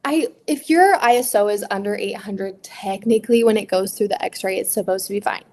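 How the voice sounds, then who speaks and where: A woman's voice: mid-range voice, brisk, a little mellow. Woman guest, casual and talkative, quotes herself mid-story. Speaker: guest wedding photographer. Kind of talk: casual podcast chat.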